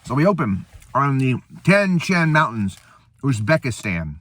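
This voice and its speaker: A man's voice: mid-range voice, big pitch swings, unhurried, a bit bright, dry recording. A man hosting a casual eating show, rambling and laughing as he retells a movie between bites. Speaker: host. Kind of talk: casual chat.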